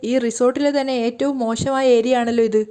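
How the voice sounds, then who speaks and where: A woman's voice: fairly high pitch, steady tone, fast talker, dark tone, lightly acted. A woman voicing a cheerful young woman friend who jokes lightly, in a serial recap. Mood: joking.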